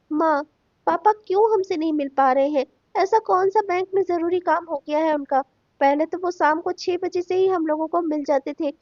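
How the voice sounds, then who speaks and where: A woman's voice: extremely high pitch, dry recording. A woman voicing a school-age child in a cartoon drama, plaintive and rambling as it complains. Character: chatty school-age child missing dad. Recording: dry, dull lo-fi sound.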